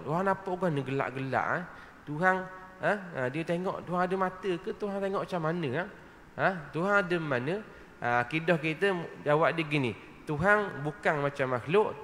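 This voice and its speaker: A man's voice: a little high, a bit bright, in a large hall, a little hiss or hum. A man giving an evening lecture in a mosque, talking conversationally and often checking with his listeners. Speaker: religious lecturer. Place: mosque hall.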